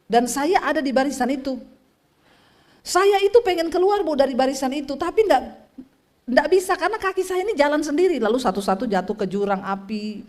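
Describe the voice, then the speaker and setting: Woman pastor preaching with animated storytelling. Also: a little fast. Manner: storytelling with lively swings in pitch and loudness; addresses the congregation directly. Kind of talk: sermon.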